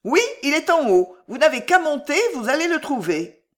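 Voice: sits high, very animated, normal speed, pitched above the performer's own voice. A reader voicing a shrewd, polite concierge's wife who answers curtly in a raised voice.

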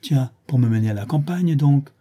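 A man's voice: mid-range voice, expressive, moderate pace, dark tone, slightly rough, pitched above the performer's own voice. A man voicing an impudent, limping young street boy with a sing-song delivery.

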